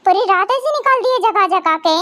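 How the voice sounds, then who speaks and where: A woman's voice: extremely high pitch, lively intonation, brisk, pushed and bright, no room sound, exaggerated voice. A woman voicing a sleepy, exasperated young husband who grumbles and then coaxes his wife in a fan audio drama. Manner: grumbling, scolding then soothing.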